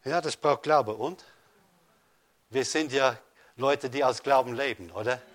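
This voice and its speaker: A man preaching a sermon, addressing listeners directly with rhetorical questions and swinging between loud rises and soft drops. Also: mid-range voice, unhurried. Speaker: pastor.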